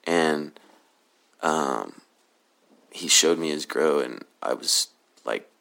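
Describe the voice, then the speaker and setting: A man from Oklahoma with a very deep, low magnetic voice, answering interview questions casually in a hesitant, laid-back, halting way. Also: vocal fry, bright, forceful tone. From Oklahoma City, USA. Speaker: podcast guest, cannabis grower.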